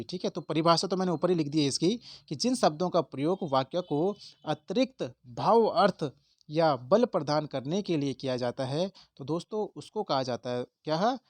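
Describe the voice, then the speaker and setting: A man's voice: a little high, no room sound. A man teaching an exam-prep lesson, explaining step by step and stressing key words to his viewers. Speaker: Hindi exam tutor.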